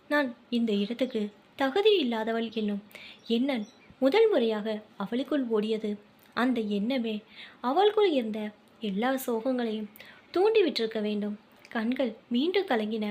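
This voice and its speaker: A woman with a Tamil accent reading a family short story aloud, telling the narration and the characters' lines in the same voice. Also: a little high. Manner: reads dialogue and narration in one voice.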